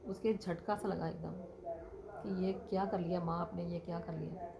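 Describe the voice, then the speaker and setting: A woman telling a family story in a casual, halting way with many restarts. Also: on the low side, steady tone. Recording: noisy background.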